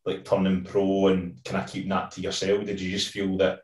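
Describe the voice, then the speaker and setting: A man's voice: sits low, completely flat delivery, brisk, a little mellow, far from the mic. A man interviewing a boxer, asking long rambling questions with fillers, heard from farther off in a roomy space. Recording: roomy and off-mic.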